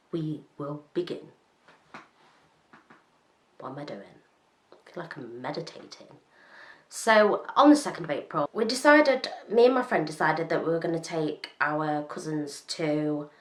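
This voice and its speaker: A woman's voice: sits low, fairly bright tone. A young woman telling a story in a chatty, rambling vlog, full of "like" and restarts. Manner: rambling, self-interrupting, with frequent "like" and laughter. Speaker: vlogger. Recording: roomy echo.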